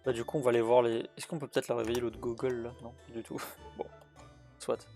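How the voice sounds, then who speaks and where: A man's voice: medium pitch, flat delivery, fast, creaky, mellow. A man commenting on a horror game as he plays, translating its text aloud with many fillers and restarts. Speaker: gaming youtuber. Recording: faint game music behind.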